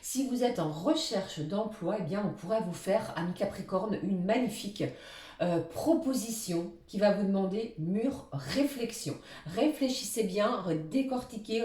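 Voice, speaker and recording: A woman giving a weekly astrology card reading, hesitant with many fillers, talking warmly to her viewers as friends. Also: medium pitch, expressive, a little slow, roomy sound, distant mic. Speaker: tarot reader.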